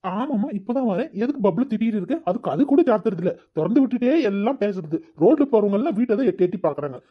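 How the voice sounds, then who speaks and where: Voice of a calm grown son in a cartoon. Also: male voice, high-pitched, fast, lo-fi sound. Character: grown son coming home, young man. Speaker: elder brother in the family. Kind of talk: cartoon family comedy voicing.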